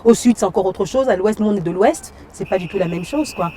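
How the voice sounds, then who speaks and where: A woman from Cameroon, a stage actress and singer, talks casually as an interview guest outdoors in a city. Her voice is warm and mellow at a middle pitch. She talks in a lively way, leaning on fillers and checking in with "you see". A faint hum of traffic sits behind her. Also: fairly quick. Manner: lively, frequent fillers and "tu vois".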